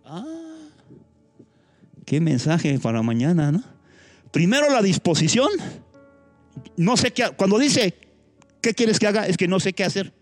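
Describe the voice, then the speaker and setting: Male pastor, fairly high voice, lively preaching with quick pitch jumps and off-the-cuff asides, soft music bed underneath. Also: no echo. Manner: thinks aloud with restarts and asides. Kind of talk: sermon.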